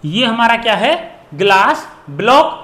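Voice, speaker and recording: A man from India teaching a physics lesson, repeating key phrases and dictating definitions slowly word by word. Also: very high voice, very animated, pushed and bright. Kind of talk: classroom physics lesson in Hindi and English. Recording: echoey room.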